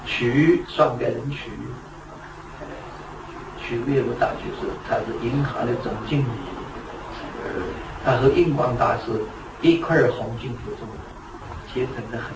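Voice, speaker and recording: A man's voice: mid-range voice, unhurried, long pauses. Man giving a Buddhist talk from far off. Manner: storytelling, asks rhetorical questions. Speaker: Buddhist teacher. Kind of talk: dharma talk. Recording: echoey room, distant mic, noisy.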